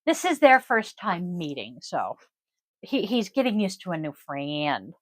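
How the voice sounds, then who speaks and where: A woman's voice: fairly low pitch, very animated, a little slow, no echo. A middle-aged woman hosting a podcast in casual chat, chatty, laughing often and swearing casually. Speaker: podcast host, yoga teacher.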